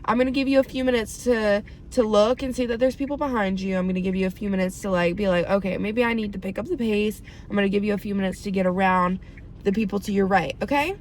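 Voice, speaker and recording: A woman's voice: mid-range voice, fairly even intonation, fast, darkish tone, a little hiss or hum. A young woman talking candidly to camera in a casual vlog, chatty and full of likes. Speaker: vlogger.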